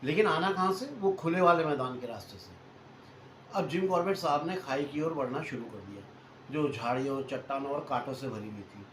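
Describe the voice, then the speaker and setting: A man's voice: medium pitch, expressive, moderate pace. Chatty man retelling a story, echoey. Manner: chatty, repeats and rephrases points, addresses listeners as friends. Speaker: storyteller host. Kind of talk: casual spoken retelling of a hunting story. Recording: echoey room with faint noise.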